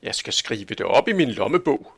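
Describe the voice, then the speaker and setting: A man voicing a calm, good-natured police chief in a storybook reading, speaking in an unhurried, gently reasoning way. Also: mid-range voice, gravelly, breathy edge, no room sound, heavily acted. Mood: placid.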